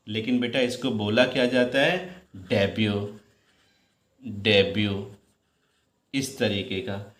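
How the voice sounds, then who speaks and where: A man teaching English pronunciation in Hindi, slowly repeating each word and quizzing his students. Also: medium pitch, a bit bright. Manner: addresses students as "beta", repeats words slowly, asks questions. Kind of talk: pronunciation lesson. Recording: roomy echo.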